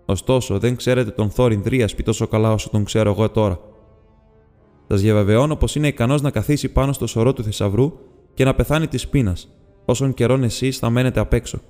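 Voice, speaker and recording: Reading the role of a courteous, businesslike male hobbit burglar in an audiobook, this man uses a mellow, mid-range, natural voice, precise and slightly formal in manner. Faint music sits under a long reverb.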